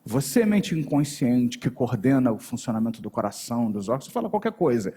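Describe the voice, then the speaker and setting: A Brazilian man lectures to a live audience from a stage, his voice dark and a little husky. He talks in an animated way and keeps shifting his intonation to address the listeners, and a long hall reverb trails behind each phrase. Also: mid-range voice, fast. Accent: Brazilian Portuguese. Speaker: NLP and hypnosis trainer.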